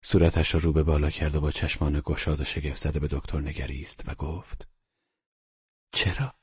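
A man narrating a story as an audiobook in a steady, measured reading voice. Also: extremely low pitch, no echo. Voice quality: husky. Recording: dull lo-fi recording.

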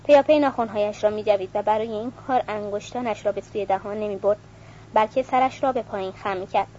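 A woman's voice: medium pitch, mellow, lo-fi sound, a little hiss or hum. A woman reading a novel aloud, voicing the dialogue herself and reading out the page numbers. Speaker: audiobook reader.

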